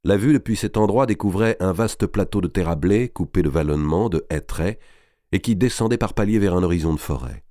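A man reading a historical novel aloud as audiobook narration, measured and expressive. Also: deep voice, no room sound, clean studio sound.

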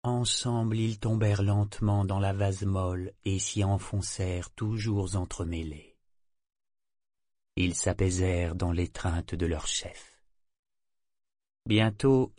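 A man reading an audiobook in an even, measured storytelling manner. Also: lowish voice, no echo, studio quality. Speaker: audiobook narrator. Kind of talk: scripted narration.

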